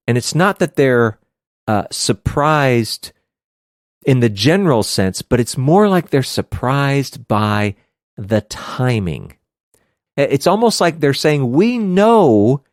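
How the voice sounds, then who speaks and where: A man co-hosting a casual Bible study podcast, animated and quick to laugh, with hammy outbursts. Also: mid-range voice, no room sound, studio quality. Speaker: podcast co-host teaching scripture.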